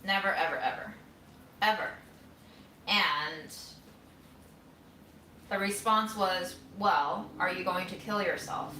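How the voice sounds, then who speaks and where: A woman's voice: on the low side, slow, long pauses, pushed and bright, a little hiss or hum. A woman in her thirties vlogging in her kitchen while cooking, musing candidly and wryly in a rambling, casual way. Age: 30s. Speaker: vlogger caring for her grandmother. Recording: roomy sound, mic at a distance.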